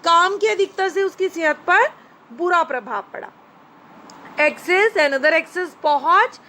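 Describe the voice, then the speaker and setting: A woman's voice: very high-pitched, slow pace, sharp tone, slight background noise. A woman teacher with an Indian English accent, a Hindi speaker, gives a bilingual grammar lesson to children, spelling out words letter by letter. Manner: addresses listeners as children. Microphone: phone screen recording.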